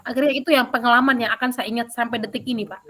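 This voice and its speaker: A woman PE teacher answering interview questions over a video call, telling a story in an animated way with many fillers. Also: on the high side, very fast.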